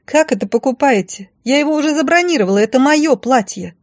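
A woman voicing a brash, spoiled young blonde woman who talks in shrill, squealing outbursts. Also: lively intonation, quick pace, mellow, no echo, studio quality, close to an everyday voice. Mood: indignant.

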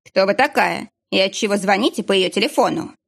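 A woman's voice: medium pitch, a little fast, creaky, fairly bright tone. A woman voicing a stern, busy middle-aged man who speaks in a curt, commanding way.

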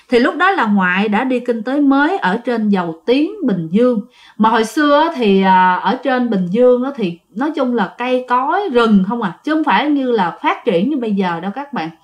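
A woman's voice: fairly high pitch, dull audio. A woman narrating listener-sent ghost stories in a chatty way, speaking straight to her listeners. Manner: chatty, addresses listeners directly.

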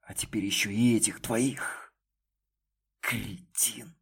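A man's voice: lowish voice, fairly even intonation, takes it slowly, creaky, a bit bright, breathy edge, heavily acted. A man voicing a young woman who pleads and sobs, then turns scornful, in an audiobook. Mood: scornful, shouting. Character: desperate, bitter young woman, ex-lover.

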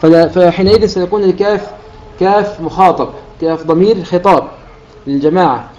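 A man teaching the rules of Quran recitation, explaining a classical poem line by line and slowing down to recite the examples. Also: high voice, a little mellow, a little hiss or hum. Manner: explanatory, quotes verses in a slow chanted delivery. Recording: dull lo-fi recording.

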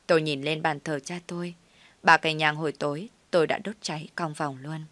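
A woman narrating a personal story in the first person, in a steady, plain recounting manner. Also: sits low, fairly quick, no echo.

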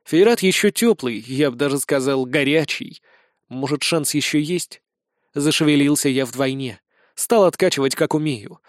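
Guy reading a fantasy audiobook, highish voice, dry close sound. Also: moderate pace, no echo. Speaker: audiobook reader. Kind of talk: first-person fantasy audiobook narration.

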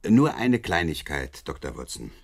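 A man's voice: very deep voice, big pitch swings, moderate pace, gravelly, full character voice. An actor in a German radio drama playing Inspector Lestrade, a courteous, wordy and faintly envious policeman with a confiding manner. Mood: discreet, probing.

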